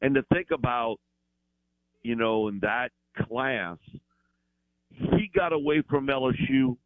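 A man calling in as a football analyst, talking in an animated, rambling way with fillers over a phone line. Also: mid-range voice, slow, no room sound.

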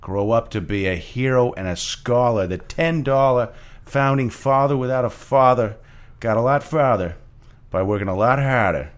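A man's voice: medium pitch, moderate pace, voice pushed up, close to an everyday voice. A man putting on a Boston accent to recite rap lines in a rhythmic, playful delivery.

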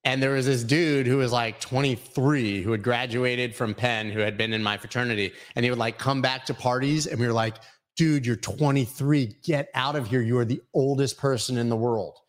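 A man's voice: medium pitch, steady tone, moderate pace. Forties male host, casual rambling live-stream banter with jokes. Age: 40s. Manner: rambling, jokey, reads chat comments aloud. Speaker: crypto show host.

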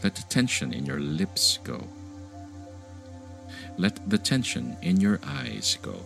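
Unhurried and calming, a male meditation guide and podcast host offers gentle instruction in a very deep, gravelly voice. The soothing sleep-story delivery is accompanied by background music.

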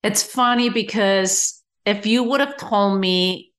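A woman's voice: medium pitch, slow, a bit bright. Woman from spain on a podcast, middle-aged, chatty, lots of you-knows. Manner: conversational, many fillers. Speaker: podcast guest, entrepreneur. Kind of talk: casual interview storytelling.

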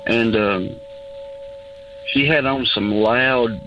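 A man from Alabama with a Southern Appalachian accent, telling a personal story casually as a caller in a halting, unhurried way. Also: mid-range voice. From Alabama, southern United States. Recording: tinny phone line, faint music behind.

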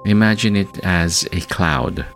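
A man hosting a guided meditation, speaking in a soft, soothing, hushed manner with long calming pauses, like a spa relaxation track. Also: sits low, creaky. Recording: voice over New-age music. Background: New-age music.

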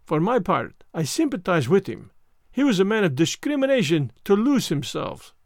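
A man's voice: high voice, big pitch swings, normal speed, no echo, clean studio sound. Hercule Poirot, as a man puts him on. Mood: amused. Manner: precise, prim foreign-sounding English. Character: fussy vain little detective, older man.

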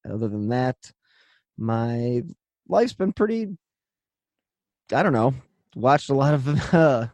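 A man's voice: mid-range voice, sing-song, takes it slowly, a little mellow, no room sound. A man hosting a true crime podcast, moving between introduction and casual chat in a studio.

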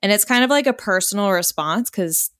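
A woman's voice: mid-range voice, lively intonation, a little fast, fairly bright tone, no echo, clean studio sound. A woman hosting a podcast as an adult content creator, speaking candidly in an intimate, informal style. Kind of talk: casual podcast chat, then reading an erotic message aloud.

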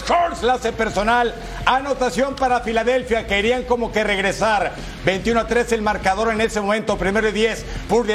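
A man presents American football highlights, calling out touchdowns in a playful, exclamatory way and tossing in rhetorical questions. His tone is a bit bright.

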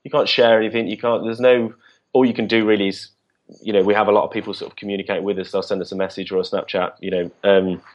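A man talking casually as a podcast guest, halting with many restarts and fillers. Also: fairly low pitch, level tone, muffled recording. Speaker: guest, business co-founder.

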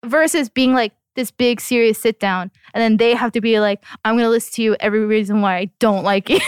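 A woman in her late twenties, co-hosting a casual chat, giggly and animated, often acting out what people say. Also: on the high side, normal speed, hardly any pauses, smooth, no room sound, studio quality. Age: late 20s. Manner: giggly, animated, often acts out quoted voices. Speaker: podcast co-host.

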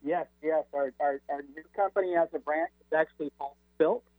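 A man's voice: on the high side, fairly even intonation, fairly quick, dry recording. Man on a crackly, fading phone line. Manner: hesitant, many fillers and restarts. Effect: crackly phone line that fades in and out. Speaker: radio show guest. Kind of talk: casual explaining. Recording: tinny, breaking-up phone call.

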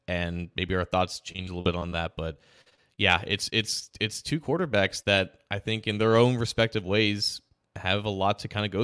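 A man with a fairly low voice co-hosts a casual sports podcast. He talks in a loose, chatty way and often restarts his sentences while telling a story. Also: a bit bright, clean tone. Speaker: podcast co-host.

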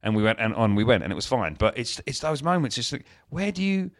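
A man co-hosting a casual chat podcast, telling animated stories and acting out exchanges with his toddler. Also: mid-range voice, quick pace. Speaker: podcast co-host.

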